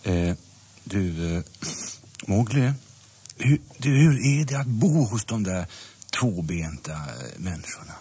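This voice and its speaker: A man's voice: sits low, big pitch swings, warm tone, full character voice. An actor voicing a big jolly easygoing male bear in a dubbed audio drama, talking in a rambling, stammering, chuckling way. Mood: jovial. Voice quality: gravelly, rough voice.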